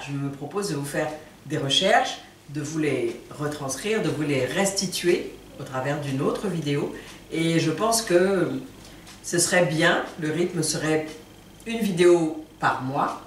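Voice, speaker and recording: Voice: medium pitch, slight background noise. An Atchan speaker from Ivory Coast, patiently teaching a language lesson word by word. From Ivory Coast, Atchan people. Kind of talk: slow spoken language lesson. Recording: roomy, distant mic, faint ambience.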